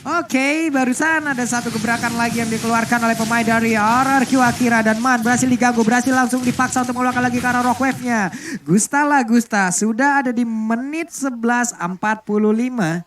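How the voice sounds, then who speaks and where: A man working as an esports shoutcaster, giving animated, emphatic live game commentary. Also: extremely high pitch, fairly quick, slight background noise.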